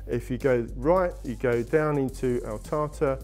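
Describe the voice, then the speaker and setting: Speaking a little slowly in a mid-range, darkish voice, a middle-aged man fields interview questions about ski holidays. He's an enthusiastic, sales-minded travel company guest who restarts frequently, with soft background music in a wood-walled indoor studio set.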